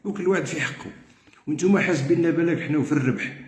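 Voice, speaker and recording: A man's voice: fairly high pitch, fast. A middle-aged man with an Algerian Arabic accent, a veterans' group coordinator, making a heated, repetitive appeal to his members. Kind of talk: impassioned spoken appeal. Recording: roomy echo.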